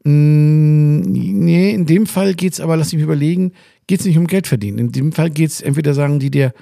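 A man's voice: on the high side, moderate pace, vocal fry, mellow, dry recording, clean studio sound. A man co-hosting a podcast in casual chat, ranting and swearing as he tells a story and acts out what others said. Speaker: podcast co-host.

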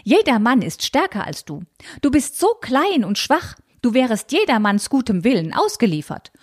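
A woman's voice: a little high, very animated, moderate pace, husky, voice pushed up. A woman reading aloud and voicing a fussy, anxious, old-fashioned elderly aunt who frets about convention. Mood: fretful. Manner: fretful, scandalized, clinging to convention.

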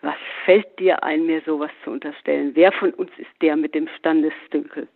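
A man voicing a gruff, irritable father in a hospital bed, barking and indignant. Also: on the high side, steady tone, normal speed. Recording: phone-like narrow band.

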